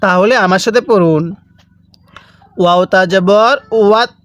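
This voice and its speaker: A man's voice: high-pitched, a bit bright, no room sound, studio quality. A man teaching Quran reading, spelling out Arabic letters syllable by syllable and patiently asking the listener to repeat after him. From Bangladesh. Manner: patient, repeats slowly and asks listeners to read along; draws out sounds syllable by syllable. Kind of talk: step-by-step spelling lesson for reciting Arabic letters.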